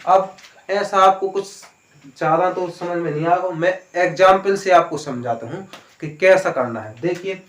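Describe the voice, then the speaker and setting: A man's voice: sits high, normal speed, fairly bright tone. A man teaching an exam-prep maths lesson, explaining step by step and asking questions before answering them himself. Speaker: maths tutor. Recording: echoey room.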